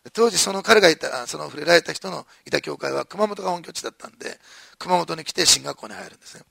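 A man's voice: a little high, quick pace, creaky, pushed and bright, no room sound, clean studio sound. A man preaching a sermon in a conversational storytelling way, with chuckling asides. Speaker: pastor.

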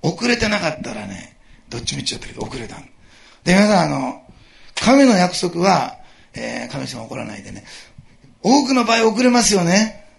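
A middle-aged man preaching a sermon to his congregation in an animated way, chuckling and asking his listeners questions. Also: sits high, normal speed, creaky. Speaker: pastor.

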